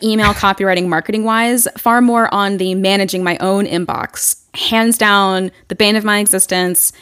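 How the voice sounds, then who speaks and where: A woman's voice: mid-range voice, fairly bright tone, clear, resonant tone. A woman marketing consultant who runs her own business, speaking in a candid, chatty way full of "like" and restarts as a podcast guest. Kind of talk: casual podcast interview.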